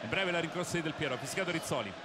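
A man giving live football match commentary as a broadcaster, with breathless, excitable goal calls. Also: a little high, racing. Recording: noisy stadium broadcast. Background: loud stadium ambience.

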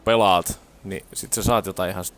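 A man's voice: low-pitched, fairly even intonation. A young man giving casual commentary while playing a game on a headset mic, making wry remarks. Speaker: gameplay streamer.

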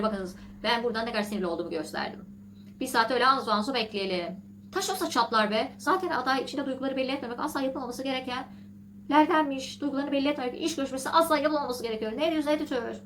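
Woman, rapid speech, somewhat high voice, sarcastic commentary, faint background hum. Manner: sarcastic, mocking, swings between deadpan and shrill outbursts; laughs often while talking. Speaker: vlog host. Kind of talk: casual commentary reading an article aloud.

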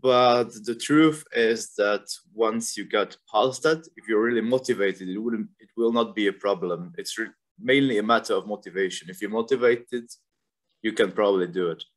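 Young man, lower voice. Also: moderate pace. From Czech Republic. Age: young adult. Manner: conversational, thoughtful, with frequent fillers. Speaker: university student. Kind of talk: casual informational talk.

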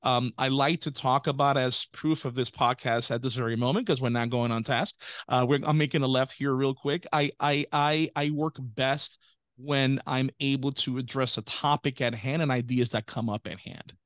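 A man's voice: medium pitch, fairly even intonation, normal speed, a bit bright, no room sound, studio quality. A man co-hosting a business podcast in casual chat, rambling and interrupting himself with tangents. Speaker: podcast co-host.

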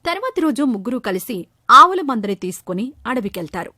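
A woman narrating a children's moral story in a steady storybook way. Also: fairly high pitch, a little fast, no room sound, clean studio sound.

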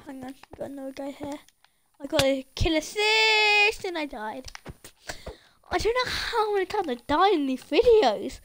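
Very high-voiced excitable woman gamer. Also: moderate pace, noisy background. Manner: excitable, frantic shouting and laughing. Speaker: gaming video creator. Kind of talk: let's play commentary.

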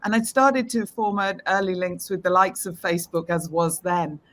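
A British tech executive in her fifties answers interview questions remotely from a room at home, heard over video call audio. Her voice sits fairly low with a fairly even intonation, and she speaks fluently and upbeat at a moderate pace.

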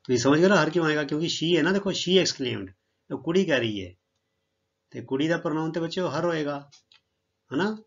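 A male teacher with a Punjabi accent giving a grammar lesson to students. He reads the English examples slowly and explains them quickly in Punjabi. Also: fairly high pitch, lively intonation. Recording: dull lo-fi recording.

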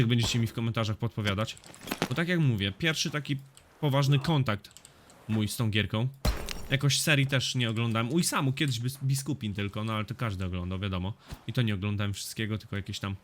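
A man giving casual let's-play commentary on a survival game, swearing freely and reacting loudly to what happens on screen. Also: lowish voice, brisk, background noise. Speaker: gaming YouTuber.

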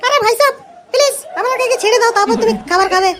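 A woman voicing a fussy, anxious young village wife in a cartoon, with a high pleading whine. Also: very fast, a bit bright. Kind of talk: cartoon voice acting.

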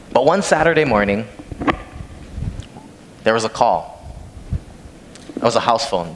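A man's voice: lowish voice, a bit bright. A young man from Hawaii preaching a sermon in a large church sanctuary, reading scripture and then telling a personal story in a plain conversational way as he walks the stage with a handheld mic. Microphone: handheld microphone from a far camera. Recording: long church hall reverb, faint noise.

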